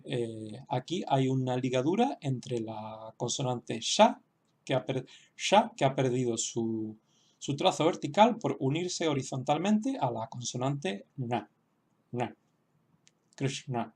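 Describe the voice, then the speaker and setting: Tipo explicando una lección, habla lento, dudando y repitiendo palabras. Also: male voice, medium pitch, animated, darkish tone, slightly rough. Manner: hesitant, many restarts and fillers; slow, explanatory. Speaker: language teacher. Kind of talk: online lesson.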